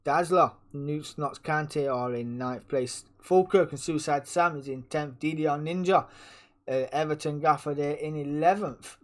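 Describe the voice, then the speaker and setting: A man with a croaky, sore-throated voice, chatting casually as host of a racing league stream and talking to himself while he sets things up. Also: fairly high pitch. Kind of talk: casual live-stream race commentary.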